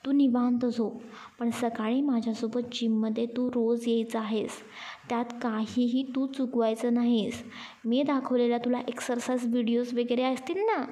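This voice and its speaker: A woman's voice: a little high, steady tone, moderate pace, dark tone, close to an everyday voice. Woman voicing a caring, bossy young man. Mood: gentle, teasing. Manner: firm, teasing, instructing.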